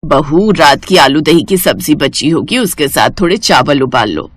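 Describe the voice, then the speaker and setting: A woman's voice: deep voice, animated, moderate pace, dry recording. Bossy old grandmother, scolding and instructive, voiced by a woman, dry close sound. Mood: instructing. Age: older. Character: grandmother, bossy but caring mother-in-law. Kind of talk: Hindi cartoon voice acting.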